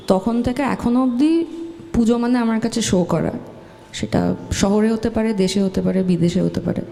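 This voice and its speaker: Mellow woman, candid chat. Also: on the high side. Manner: candid, cheerful, chatty. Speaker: singer guest. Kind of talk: casual chat. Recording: long hall reverb.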